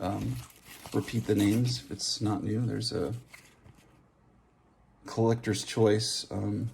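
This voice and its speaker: A low, gravelly-voiced man chats casually as host of a trading card opening channel, offhandedly reading out names and musing aloud as he opens card packs. The recording picks up background hiss, handling clicks and card shuffling.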